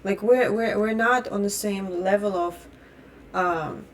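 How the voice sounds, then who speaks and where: Slow-paced and medium in pitch, a young Russian woman vlogs an opinion rant over slight background noise. Her native tongue is Russian, and her delivery is blunt, heated, heavily profane, and riddled with restarts.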